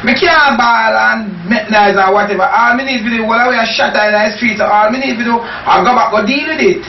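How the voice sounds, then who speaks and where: A man acting as a brash street gangster with a high voice and a Caribbean accent. He boasts in repetitive slang, as in a homemade comedy skit. The sound is distant and echoey, picked up in a bedroom. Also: a little fast, gravelly. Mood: defiant. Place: small tiled bedroom. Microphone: camera microphone across the room. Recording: roomy, dull, noisy distant camera audio.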